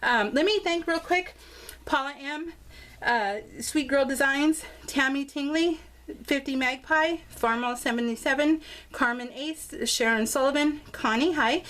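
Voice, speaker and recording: With a high, slightly bright voice, an American craft vlogger chats casually as she displays her scrapbook album. Her informal narration is bubbly and full of gushing.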